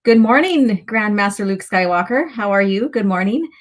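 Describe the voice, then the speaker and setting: A woman hosts a casual live chat on a livestream, talking to viewers in a chatty way full of pauses and asides. Her mid-range voice is slightly raspy and expressive.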